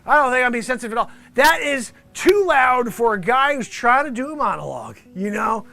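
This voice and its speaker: A man's voice: extremely high pitch, expressive, brisk, gravelly, pushed and bright. A man improvising a mock live weather report as a flustered, aggrieved TV reporter, rambling and complaining in exasperation. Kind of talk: improvised mock news report, ranting monologue.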